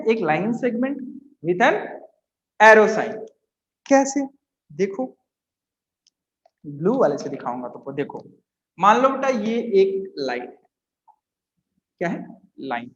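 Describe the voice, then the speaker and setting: A man teaching physics to students, coaxing them along and slowly repeating key terms. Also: sits high. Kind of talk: classroom lecture to students. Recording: echoey room, dull lo-fi sound.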